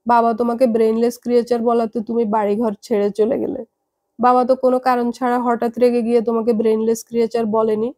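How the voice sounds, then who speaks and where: A woman voicing a calm young adult daughter who reasons patiently with her parents. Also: on the high side, fast, natural voice. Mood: patient, reasoning.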